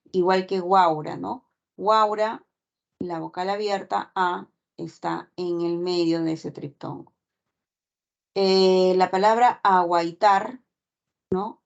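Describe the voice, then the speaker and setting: Woman teacher lecturing, slow and patient, dull lo-fi sound, keeps asking "right?". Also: on the low side, vocal fry, darkish tone. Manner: explains step by step, checks with constant "¿no?". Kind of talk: online class lecture. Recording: dull lo-fi recording.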